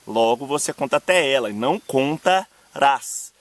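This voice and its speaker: A young Brazilian man with a Brazilian Portuguese accent, hosting a video lesson on poetic meter, speaking to viewers directly and slowing down to recite verse examples. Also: mid-range voice, lively intonation, no room sound. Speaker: poetry teacher and channel host.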